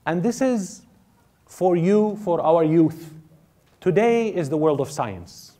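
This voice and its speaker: A religious lecturer speaking to a seminar crowd in a high, bright-sounding man's voice. He swings his pitch up and down with great animation, playing out the doubters he argues with. His delivery is expressive and conversational. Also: slow pace. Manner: animated, mimics doubters in exaggerated tones. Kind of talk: live seminar talk. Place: seminar hall with audience.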